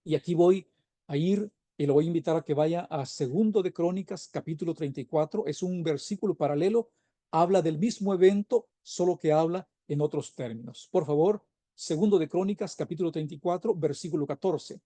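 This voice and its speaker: A man preaches a sermon in a church, earnest and emphatic, reading scripture slowly and asking one rhetorical question after another. His voice sits high but sounds deeply mellow and dark. The recording is dry and close, with no room echo. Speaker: pastor.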